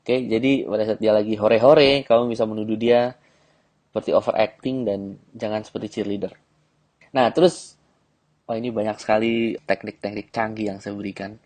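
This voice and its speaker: A man's voice: lowish voice, fairly even intonation, brisk, darkish tone. Man giving a direct coaching lesson. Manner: direct, coaching tone, keeps checking in with "oke". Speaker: dating coach. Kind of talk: instructional audio lesson.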